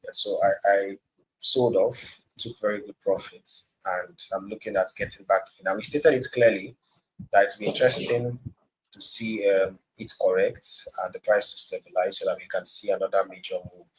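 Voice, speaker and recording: Host on a video call: man with a low, husky voice, walking through a chart in a casual market breakdown. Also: fairly even intonation, moderate pace, poor audio. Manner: walks through a price chart step by step. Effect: voice heard over a video call. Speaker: crypto trading host sharing his screen.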